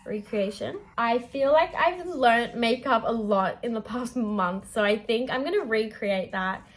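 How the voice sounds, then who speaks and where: A woman's voice: fairly high pitch, unhurried. A young adult Australian woman chatting casually through a makeup vlog in a bubbly, gushing, slangy sorority-girl manner. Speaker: beauty vlogger.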